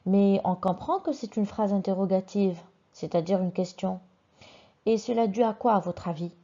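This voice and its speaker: A woman teaching a simple grammar lesson, patiently reading each example sentence twice with clearly marked question intonation. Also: mid-range voice, moderate pace, dark tone, dull audio. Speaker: French teacher.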